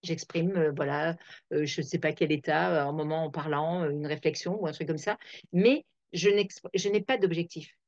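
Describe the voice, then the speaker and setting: A woman's voice: sits low, steady tone, normal speed, no room sound. A woman hosting a reflective talk, thinking aloud with many fillers and restarts. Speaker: host. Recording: dull, dry lo-fi sound.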